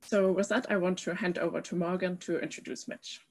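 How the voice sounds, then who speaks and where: A woman's voice: fairly low pitch, steady tone, brisk, darkish tone. A young woman hosting an online lecture series, giving a hesitant, informal introduction over a video call. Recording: noisy video-call audio.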